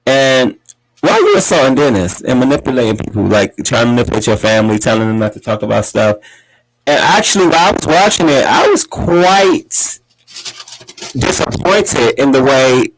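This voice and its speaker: A man hosting a podcast, giving sassy, dramatic gossip commentary and often jumping into high, mocking voices. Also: big pitch swings, moderate pace, low-quality recording. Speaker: podcast host.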